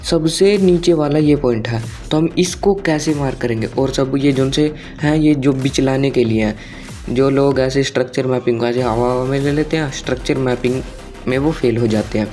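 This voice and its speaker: A man's voice: mid-range voice, normal speed, warm tone, soft background music. Man teaching chart reading, repetitive. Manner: conversational, asks viewers questions, repeats phrases. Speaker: trading teacher. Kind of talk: screen-share chart lecture.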